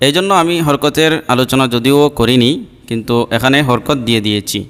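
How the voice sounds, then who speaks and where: A man's voice: medium pitch, fairly quick, fairly bright tone, smooth, in a large hall. A man teaching Arabic letter pronunciation for Quran reading, repeating each sound and explaining patiently. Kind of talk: slow step-by-step pronunciation lesson.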